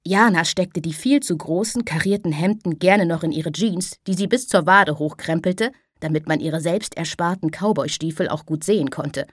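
A woman narrating a children's storybook in a gentle, even storytelling manner. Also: on the low side, normal speed, hardly any pauses, slightly rough, dry recording, studio quality. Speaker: audiobook reader.

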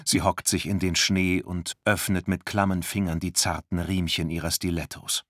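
A man narrating a thriller audiobook in a tense, measured studio reading. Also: deep voice, little pitch movement, dry recording. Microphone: close studio mic.

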